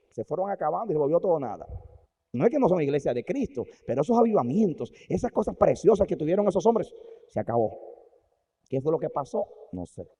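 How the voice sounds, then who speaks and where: A male preacher telling a story in a sermon, swinging from quiet asides to loud exclamations. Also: a little high, slightly rough, long reverb tail. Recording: dull lo-fi recording.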